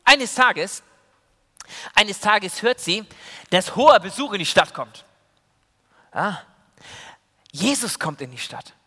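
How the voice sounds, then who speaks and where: Man telling a lively story in a sermon. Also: high voice, slow pace, pauses often, breathy edge, in a large hall. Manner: lively storytelling, swings between loud and hushed. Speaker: preacher. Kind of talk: sermon told as a children's story. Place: church.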